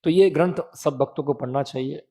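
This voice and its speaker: A man's voice: on the high side, normal speed, warm tone, in a large hall. A man in his thirties giving a conversational sermon, often asking his listeners a question and answering it himself. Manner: conversational, asks the audience questions and answers them. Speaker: preacher.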